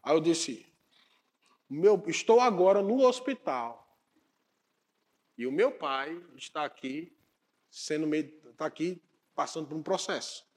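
A man preaching a sermon, telling a story and acting out its dialogue in an animated way. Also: on the high side, slow, long pauses. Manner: animated, acts out dialogue, shouts punchlines.

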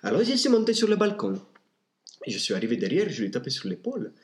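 Lively man telling a comic tale. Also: mid-range voice, quick pace, echoey room. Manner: animated, acts out characters. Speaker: radio columnist. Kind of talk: comic storytelling.

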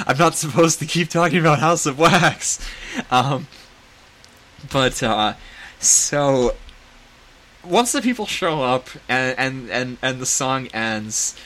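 A man's voice: medium pitch, a bit bright. A man with a mid-range voice talks through a horror movie in a loose, digressive way. He keeps wandering off topic and laughs at his own bad impressions. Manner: rambling, digressive, self-deprecating. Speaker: podcast host. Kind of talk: casual movie recap podcast.

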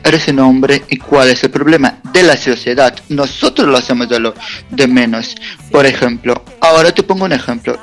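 A man calling in to a radio talk show over a phone line, speaking earnestly and haltingly and posing rhetorical questions. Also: mid-range voice. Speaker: caller. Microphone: phone call over a messaging app.

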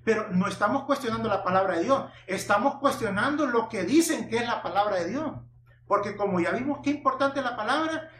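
A high-pitched man delivers a Bible-teaching sermon, firing off rhetorical questions and answering them himself. His voice comes from a bit away from the mic, ringing through a reverberant room with a faint hum underneath. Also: animated, fairly quick, fairly bright tone, recorded from a distance. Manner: asks and answers rhetorical questions, calls listeners "hermano". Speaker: preacher.

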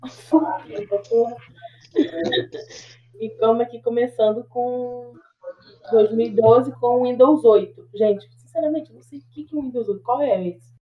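A woman's voice: fairly high pitch, moderate pace. A woman co-hosting a casual podcast chat, blunt and jokey, swearing now and then. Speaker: podcast co-host. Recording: dull lo-fi podcast audio.

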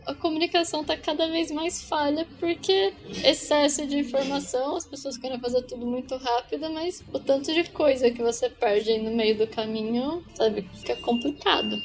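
A young woman in casual, reflective podcast chat, talking in an animated way. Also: sits high. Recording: music playing underneath.

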